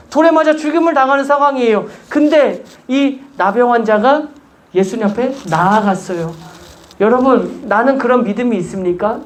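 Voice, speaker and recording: A pastor preaching a sermon in church, urging the congregation with repeated rhetorical questions. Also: medium pitch.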